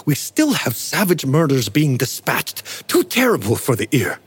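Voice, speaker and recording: A man's voice: medium pitch, wildly swooping pitch, unhurried, slightly rough, full character voice. A man playing Macbeth, haunted and defiant. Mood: brooding. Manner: declamatory, agitated outbursts. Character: Macbeth, haunted guilty king at a feast. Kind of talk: Shakespearean stage acting.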